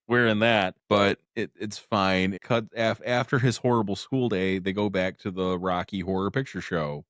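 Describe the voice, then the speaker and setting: A man co-hosting a movie podcast, recapping the plot with dry, deadpan asides. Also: low-pitched, moderate pace, hardly any pauses, no room sound. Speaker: podcast co-host. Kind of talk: casual movie recap chat.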